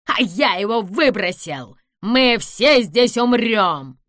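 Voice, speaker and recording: A woman voicing a vengeful, gloating little old man who shouts and cackles in an audiobook. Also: a little high, lively intonation, slow, no echo, studio quality. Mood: taunting.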